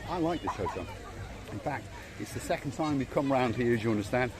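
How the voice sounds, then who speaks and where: A man's voice: medium pitch, lively intonation, a little fast. Older male vlogger, walk-and-talk hotel tour, gushing, repeats his praise, recorded on a handheld camera. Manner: enthusiastic, repeats praise words. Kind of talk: casual walk-around commentary. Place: outdoors and indoors in a hotel, walking.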